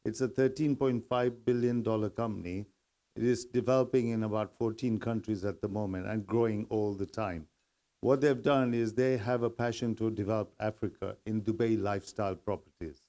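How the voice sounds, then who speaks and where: Mellow-voiced man from Uganda pitching property. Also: fairly even intonation. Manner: brisk, confident sales talk. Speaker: real estate company executive. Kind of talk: business pitch speech.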